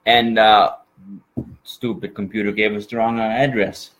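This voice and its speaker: A man's voice: lowish voice, flat delivery, a little slow, a bit bright, low-quality recording. A man from Minnesota with an exaggerated Minnesota accent, chatting as an interview guest in a folksy, rambling way. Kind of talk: casual interview chat.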